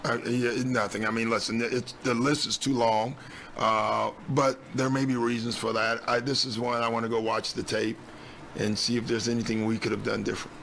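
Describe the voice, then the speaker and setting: A man's voice: mid-range voice, flat delivery, normal speed, creaky, a bit bright, slight background noise. A man in his sixties, a head coach answering reporters at a postgame press conference on a desk mic, blunt and matter-of-fact with frequent ums. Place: team press room. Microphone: desk mic on stand.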